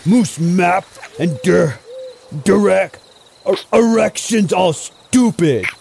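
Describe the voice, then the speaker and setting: A man's voice: sits high, slow, vocal fry, a little mellow, a little hiss or hum, full character voice. A man voicing a hulking, dim-witted but friendly male super mutant who speaks in broken caveman phrases. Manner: broken caveman speech, talks of himself by name.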